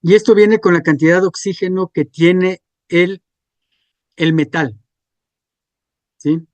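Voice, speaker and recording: A man's voice: sits high, slow, no echo. A man, teaching a class and checking in with students through frequent questions. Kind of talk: classroom lecture.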